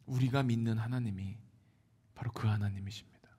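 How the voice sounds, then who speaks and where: A man with a Seoul Korean accent preaching a Sunday sermon, moving between hushed near-whispers and loud exclamations. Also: on the low side, fairly even intonation, a little fast, breathy edge. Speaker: pastor.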